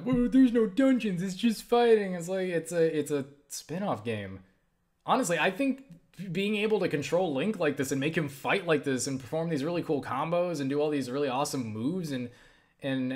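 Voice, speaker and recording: A slightly high-pitched young man, speaking at a moderate pace, works through viewer questions in a casual vlog. He curses freely, meanders, and keeps backing up to start sentences over, all with animated energy.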